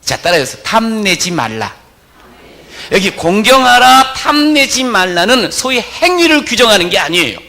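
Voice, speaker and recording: A man's voice: high voice, sing-song, normal speed, bright, forceful tone. A middle-aged man preaching a sermon as pastor, emphatic, repeating key words and putting questions to the congregation.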